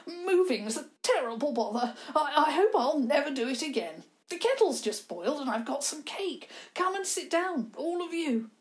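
A woman's voice: high-pitched, sing-song, normal speed, hardly any pauses, pitched above the performer's own voice. A woman reading a story, voicing an enthusiastic, eccentric old man who talks in an urgent, bustling way. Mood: welcoming. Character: excitable eccentric old man, Mister Sebastian.

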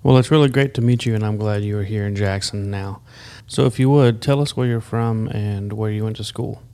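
A man hosts a health podcast in a studio, asking his guest friendly, upbeat questions. His voice is on the low side, fairly quick, with a dark, clean tone.

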